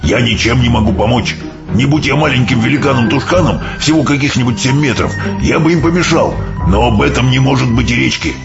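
A man voicing a big, gentle giant who mangles his words into odd coinages, in a storybook reading. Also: medium pitch, brisk, gravelly, natural voice. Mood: rueful. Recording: dull audiobook sound, faint music.

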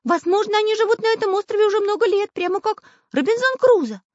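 A bright, eager little artist, played by a woman, speaking very high and loud with lively swings. His voice is dry and close in a slightly dull storybook recording. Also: fast, no echo. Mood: thoughtful. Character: cheerful male artist who draws with his nose.

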